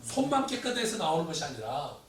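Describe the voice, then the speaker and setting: A high-voiced male pastor preaching a Sunday sermon, rising to loud pleas and dropping to quiet asides. He is recorded from a distance in a very echoey church sanctuary. Faint room noise sits under his voice. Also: big pitch swings, quick pace.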